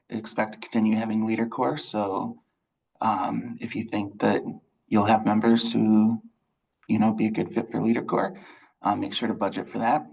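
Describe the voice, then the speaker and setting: A man on a video call webinar giving budget guidance to grantees, hesitant and filling pauses with ums. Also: lowish voice, creaky, darkish tone, low-quality recording. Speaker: grant program staff. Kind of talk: technical assistance webinar.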